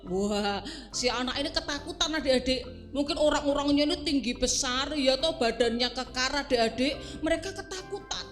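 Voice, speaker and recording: Lively school teacher. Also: female voice, high-pitched, fairly quick, soft background music. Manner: lively, addressing children directly. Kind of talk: children's Bible storytelling.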